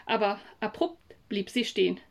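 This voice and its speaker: A woman narrating a children's story in a calm, even read-aloud manner. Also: mid-range voice, moderate pace, gravelly. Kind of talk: storybook reading.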